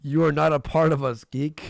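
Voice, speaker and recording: Crude laughing stream host guy, dry close sound, talks kinda high. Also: flat delivery, normal speed, gravelly, no room sound. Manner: crude, laughing, reads out donations. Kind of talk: crude live-stream commentary.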